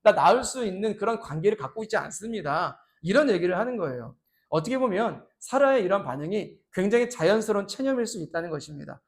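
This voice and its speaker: High-voiced pastor preaching with animation. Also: male voice, quick pace. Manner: animated, acts out quoted voices with big swings in loudness. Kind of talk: sermon.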